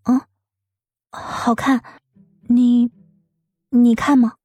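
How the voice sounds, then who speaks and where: A woman voicing a timid, easily flustered young man in an audiobook, in a soft and hesitant way with stammers. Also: a little high, little pitch movement, drawn-out words, no echo, faint music behind, pitched above the performer's own voice. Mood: shy flustered. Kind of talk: audiobook character voice.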